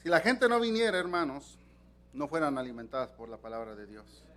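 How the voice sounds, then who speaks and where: A middle-aged male preacher, preaching a sermon with animated storytelling, acting out voices and repeating words. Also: medium pitch, a little fast.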